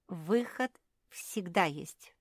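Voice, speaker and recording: A woman's voice: medium pitch, animated, unhurried, dry recording, clean studio sound, pitched above the performer's own voice, lightly acted. A woman voicing a brave, bossy young female pet animal in a storybook, giving orders eagerly. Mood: bold. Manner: commanding, eager.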